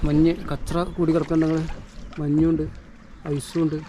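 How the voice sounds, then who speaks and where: A man's voice: fairly high pitch, completely flat delivery, normal speed, warm tone. A man with a Kerala Malayali accent giving casual travel vlog commentary, mixing English words into his Malayalam. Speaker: travel vlogger. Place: outdoors on a lake boat and shore. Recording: noisy outdoor boat and traffic ambience.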